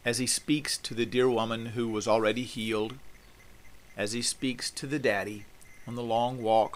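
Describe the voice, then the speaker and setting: A middle-aged man, preaching a sermon as a pastor, telling the story emphatically and dropping to a hush on key phrases. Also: medium pitch, gravelly, slight background noise, poor audio.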